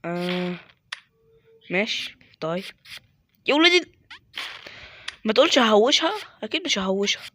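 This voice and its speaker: A man's voice: high voice, lively intonation, brisk, a bit bright, no room sound. A man with an Egyptian accent giving casual gameplay commentary, muttering to himself and mocking his own mistakes. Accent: Egyptian Arabic. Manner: mutters to himself, self-mocking, with sudden exasperated outbursts. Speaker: gaming YouTuber.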